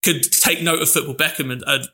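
A man's voice: a little high, fairly even intonation, a little fast, bright, forceful tone, breathy edge. A man, reminiscing easygoingly as a podcast co-host. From London, England. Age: 20s. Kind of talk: casual chat.

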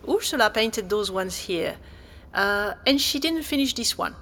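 An actress voices a helpful but slightly flustered exhibition guide, speaking politely and hesitantly in naturalistic audio-drama dialogue. Her mid-range female voice is expressive, unhurried and a bit bright, set in a long, hall-like reverb.

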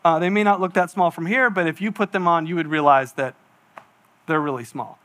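A forty-something pastor preaches in a church hall, his voice fairly high and sharp, moving fairly quickly. He talks casually, teases himself, and acts out small asides during his stories.

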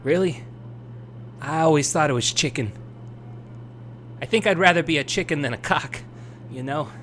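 Casting: actor for bewildered everyman traveler, radio play, wry and rambling, slightly high pitch, light background hum. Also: moderate pace, a bit bright, close to an everyday voice. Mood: wry, chatty. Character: wisecracking, bewildered male traveler, newly dead. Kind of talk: scripted audio drama acting. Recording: faint hum behind voice.

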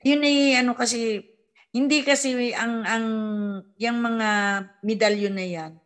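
Middle-aged woman telling lively stories. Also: a little high, measured pace. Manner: animated storyteller who acts out quoted dialogue. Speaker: mother and folk healer. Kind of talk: casual family chat.

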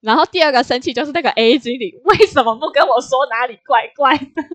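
A young woman casually telling a story about work, animated, laughing often and acting out what others said. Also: sits high, fast. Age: young adult.

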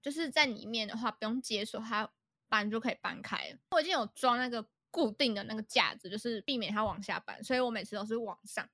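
A woman's voice: on the high side, fast, sharp tone, dry recording, clean studio sound. Easygoing woman co-host. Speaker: podcast co-host. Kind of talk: casual chat.

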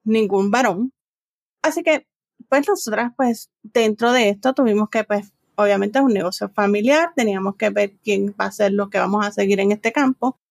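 Speaking at normal speed, this Puerto Rican woman has a gravelly, medium-pitched voice and a Puerto Rican accent. She is middle-aged, a business owner and trainer, chatting as an interview guest. The recording is dry and of studio quality.

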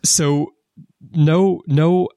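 A man hosting a casual podcast conversation, explaining background at length with lively emphasis. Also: on the high side, extremely slow, dry recording, clean studio sound. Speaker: podcast host. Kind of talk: casual conversation about a TV series. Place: lives in Japan.

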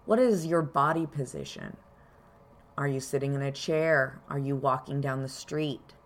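A woman podcast host leading a calm grounding exercise, softly and gently prompting the listener with unhurried pauses. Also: rumbling low. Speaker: podcast host and card reader.

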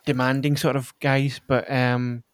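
A man's voice: mid-range voice, little pitch movement, a little slow, no echo, clean studio sound. A man, chatting casually about films as a podcast co-host, rambling with lots of fillers and restarts. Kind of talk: casual film chat.

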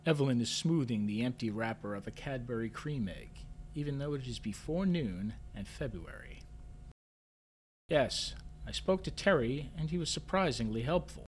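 A man narrating an audio drama in first person, mid-pitched, with a pitch that swings widely and expressively. His delivery is measured and understated, with a faint hum underneath. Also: expressive. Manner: measured and understated, lifts sharply in his own character's questions.

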